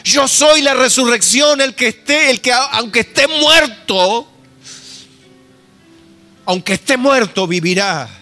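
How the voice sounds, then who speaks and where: A man with an Argentine accent voicing Jesus as a gentle, insistent male teacher who asks pleading, repeated questions. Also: extremely high pitch, lively intonation, slow pace, long pauses, soft background music, pitched above the performer's own voice, exaggerated voice. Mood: fervent. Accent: Argentine Spanish.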